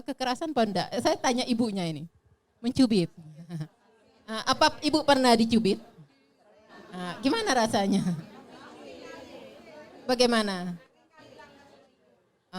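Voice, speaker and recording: A young woman gives a talk to a room of mothers, lively and quick to put questions to them. Her voice sits a bit high. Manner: lively, asks the audience questions. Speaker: speaker on child protection. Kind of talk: talk to a women's audience.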